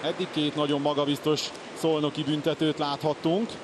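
A man giving excited Hungarian sports commentary as a live commentator, swelling on the key moments. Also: on the high side, crowd noise. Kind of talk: live water polo commentary. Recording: loud pool-hall noise behind. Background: loud indoor pool ambience.

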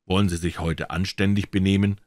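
A man's voice: low-pitched, flat delivery, a little fast, darkish tone, no room sound, studio quality, lightly acted. A man doing a curt, weary prison guard. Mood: scolding. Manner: curt, scolding.

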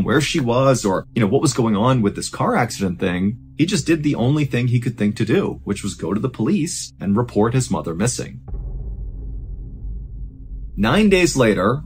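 Man, podcast host, true-crime storytelling, lively rising and falling pitch, easygoing chatty delivery. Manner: casual and conversational, with fillers like "you know".

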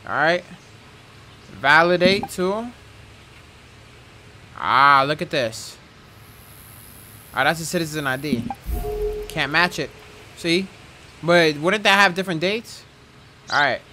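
A young man commentating a video game casually, with loud, profane, joking reactions. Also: a little high, animated, slow, pauses often, a little hiss or hum. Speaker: gaming streamer.

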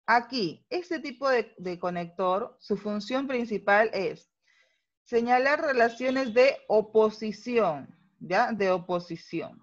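A woman teacher with a Peruvian accent giving an online class, explaining step by step and checking in often with quick tag questions. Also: fairly high pitch, expressive, lo-fi sound. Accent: Peruvian Spanish.

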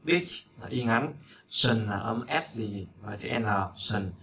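A man's voice: fairly low pitch, fairly even intonation, measured pace, a bit bright, slight background noise. A man from Vietnam, teaching English in a chatty way, repeating words and checking that learners follow. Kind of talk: casual spoken lesson.

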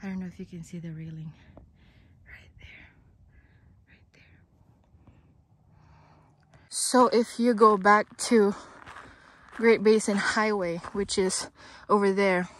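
A woman's voice: medium pitch, normal speed, fairly bright tone, a little hiss or hum. A woman chatting casually as she vlogs a hike outdoors, laughing often and cooing to her baby along the way. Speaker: travel vlogger. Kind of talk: casual vlog narration. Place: outdoors on canyon trails.

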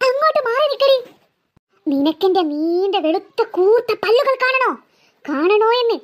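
Woman doing a slow gloating cartoon ghost girl. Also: extremely high pitch, big pitch swings. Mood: menacing. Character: menacing female ghost posing as a little girl. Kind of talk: cartoon voice acting.

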